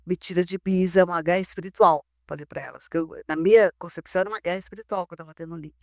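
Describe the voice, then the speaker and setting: A woman's voice: on the low side, fairly even intonation, racing, darkish tone, no room sound, studio quality. A woman, giving an emotional personal testimony as a podcast guest, often breaking off and restarting her sentences. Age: 50s. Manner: emotional, breathless storytelling with restarts.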